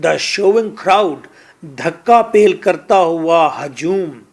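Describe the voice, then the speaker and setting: A man with a Pakistani accent teaching an English lesson, reading each line slowly and then translating and explaining it, often repeating words. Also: fairly high pitch, animated.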